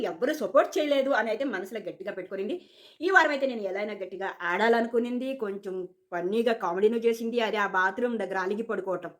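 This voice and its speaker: A woman giving a casual opinion monologue about a reality show. She sounds chatty and opinionated, repeats words for emphasis and acts out quotes. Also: mid-range voice.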